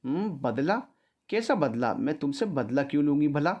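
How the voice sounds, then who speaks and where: A man's voice: fairly high pitch, very animated, moderate pace, dull audio, pitched above the performer's own voice. A man voicing Neeta, a teasing young girlfriend. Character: young woman office worker, playful girlfriend.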